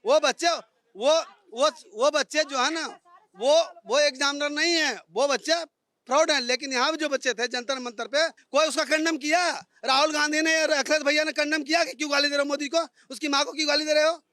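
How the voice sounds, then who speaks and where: A man's voice: very high voice, steady tone, brisk, bright, forceful tone, dry recording, studio quality. A man in a heated TV panel debate, firing rhetorical questions in a combative way.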